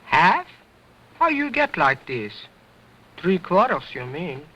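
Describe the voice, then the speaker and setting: A man's voice: high-pitched, big pitch swings, pushed and bright, voice pushed up, full character voice, poor audio. An actor voicing a cheeky, fresh-mouthed wooden ventriloquist dummy boy who wisecracks in broken grammar, in a 1929 film. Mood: sassy. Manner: wisecracking, sassy, broken grammar, slow drawl. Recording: vintage 1929 film soundtrack.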